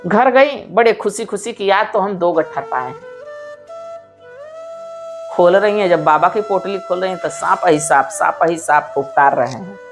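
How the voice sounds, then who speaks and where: A woman's voice: fairly low pitch, moderate pace, faint music behind. A woman narrating a devotional story in an earnest, sing-song manner and addressing her listeners directly.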